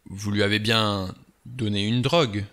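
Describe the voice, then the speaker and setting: A man's voice: on the low side, fairly even intonation, a little slow, fairly bright tone. A man reading the part of a blunt, suspicious middle-aged ex-policeman who presses his questions hard. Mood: insistent. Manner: pushy, insistent questioning.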